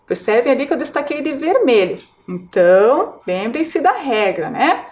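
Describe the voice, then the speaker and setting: Lively Brazilian woman teaching children. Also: high-pitched. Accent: Brazilian Portuguese. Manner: slow, clear syllable-by-syllable explanation with frequent check-in questions. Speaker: primary school teacher. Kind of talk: televised classroom lesson for children.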